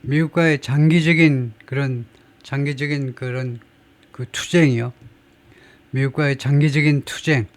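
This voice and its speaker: A male English teacher giving a spoken lecture on grammar from a news article. He talks at a middle pitch, asks his listeners questions and then answers them himself, and repeats each point patiently. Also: steady tone, moderate pace.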